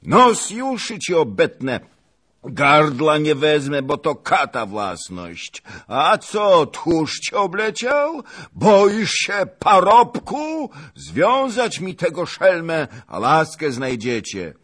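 A man's voice: a little high, sing-song, slow, a bit bright, slightly rough, voice pushed up, heavily acted. Zagłoba, roaring old nobleman. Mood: taunting. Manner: roaring insults. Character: boisterous old blustering nobleman, brave braggart. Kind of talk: audiobook character voice.

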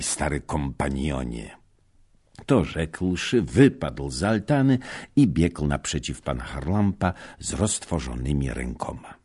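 A man reading a historical novel aloud in a measured, unhurried way. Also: extremely low pitch, darkish tone, breathy edge. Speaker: audiobook narrator. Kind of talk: scripted narration of a historical novel.

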